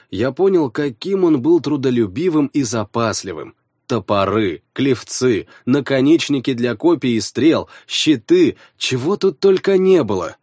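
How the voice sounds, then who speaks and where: Male fantasy audiobook narrator, expressive, lively pitch, close dry recording. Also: dry recording.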